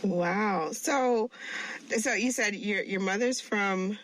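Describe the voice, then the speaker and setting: A woman's voice: mid-range voice, slow pace, fairly bright tone, low-quality recording. A woman hosting a podcast interview, upbeat and encouraging with her guest. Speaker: podcast host.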